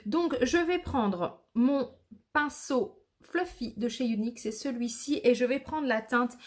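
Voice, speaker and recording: A woman's voice: on the high side, a little slow. Chatty woman giving a makeup tutorial. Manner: chatty, shows each step. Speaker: makeup artist.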